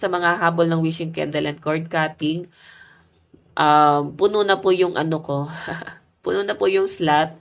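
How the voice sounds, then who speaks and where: Deep and full of vocal fry, a woman's cold-stuffed, nasal voice delivers a chatty love tarot reading. She talks directly to her viewers, addressing them as guys.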